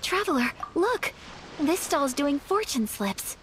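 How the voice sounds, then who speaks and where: A woman's voice: sits high, sing-song, slight background noise, full character voice. A woman voicing a refined, polite young noblewoman in a video game, modest and shy, speaking in a courteous, hesitant way. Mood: pleasantly surprised. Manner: soft-spoken courtesy, hesitant, measured. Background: game music.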